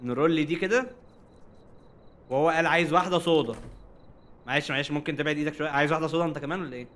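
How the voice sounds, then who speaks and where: A young man speaks with an Egyptian Arabic accent in casual let's-play commentary. His delivery is rapid and his tone bright and sharp, pitched a little high. He jokes and talks straight at the game's characters. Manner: animated, jokey, talks to game characters. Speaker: gaming streamer.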